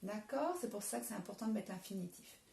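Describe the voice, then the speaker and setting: A woman's voice: mid-range voice, animated, quick pace, vocal fry, dark tone, roomy sound. A woman teacher with a French accent, giving a recorded lesson to young children, patiently spelling out word endings letter by letter. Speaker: primary school teacher. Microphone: camera some distance away.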